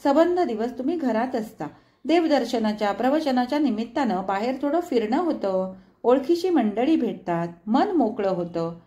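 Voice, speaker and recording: A woman's voice: fairly high pitch, animated, moderate pace, mellow, close to an everyday voice. A woman voicing a fond, talkative young mother who recounts her son's sayings with amusement. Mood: chatty.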